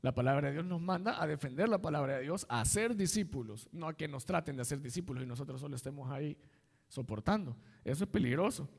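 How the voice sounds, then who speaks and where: A man's voice: fairly high pitch, lively intonation, fast, gravelly, breathy edge, long reverb tail. A man, an assistant pastor, preaching a sermon in a conversational way and weaving in personal stories.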